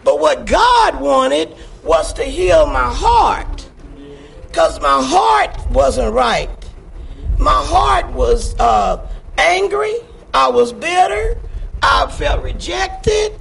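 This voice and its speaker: High, gravelly woman with a missing tooth. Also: drawn-out words. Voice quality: gap-toothed speech from a missing front tooth. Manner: emphatic, folksy, animated storytelling. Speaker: church member giving testimony. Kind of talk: spontaneous personal testimony. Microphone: handheld or stage microphone.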